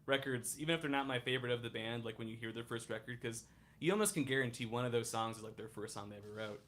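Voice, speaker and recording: Bright-voiced musician in his thirties. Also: medium pitch. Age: 30s. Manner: halting, restarts often, easygoing. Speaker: musician guest. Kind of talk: casual chat.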